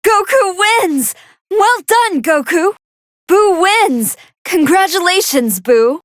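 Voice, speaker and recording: Female android scientist, video game fight commentator, very high voice, animated intonation, articulate, analytical. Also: slow pace, no room sound, studio quality, heavily acted. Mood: excited, amazed.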